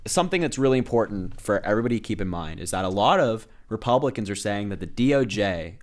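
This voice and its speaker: A young man co-hosting a casual podcast, explaining slowly with filler pauses and hiccuping now and then. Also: fairly low pitch, animated. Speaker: podcast co-host. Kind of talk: casual podcast chat, reading from a legal document.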